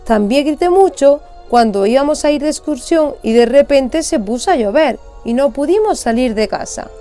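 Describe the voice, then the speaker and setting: Lively woman reading a children's story. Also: high-pitched, moderate pace, faint music behind. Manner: expressive, sing-song reading voice.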